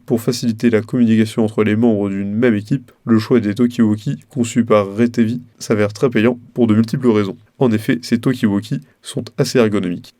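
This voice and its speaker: Male narrator for scripted product review: dark, mellow tone, formal read delivery, dry sound. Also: fairly low pitch, dry recording.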